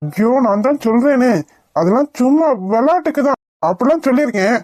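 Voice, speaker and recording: A woman's voice: high voice, animated, a little fast, a little mellow, no echo, clean studio sound. A woman voicing a playful, blunt young village man in a cartoon, with a brusque, teasing delivery. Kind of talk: cartoon voice acting.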